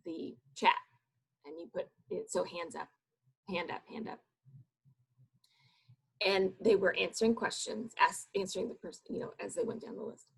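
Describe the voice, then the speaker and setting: A woman professor candidly telling a personal story, animated and laughing between phrases. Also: medium pitch, creaky, slightly rough, low-quality recording. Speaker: guest speaker, professor. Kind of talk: casual storytelling.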